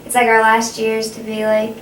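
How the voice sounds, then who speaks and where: A young adult woman speaking haltingly, often restarting phrases, in a conversational counseling role-play as the client. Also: a little high, completely flat delivery. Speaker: student playing a counseling client. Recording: echoey, distant, noisy room recording.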